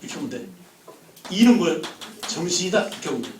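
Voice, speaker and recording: A man teaching a history class, firing quick questions at the students and joking with them. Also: sits high, expressive, a little mellow, echoey room, recorded from a distance, slight background noise, poor audio. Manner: quizzes the class with quick questions, jokes and laughs. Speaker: history lecturer.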